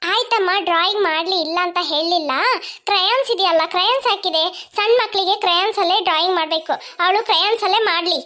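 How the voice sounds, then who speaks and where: A woman voicing a patient cartoon mother who gently calms her two quarreling daughters. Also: very high voice, quick pace. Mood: calm, soothing. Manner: soothing, reasoning gently. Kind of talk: cartoon voice acting.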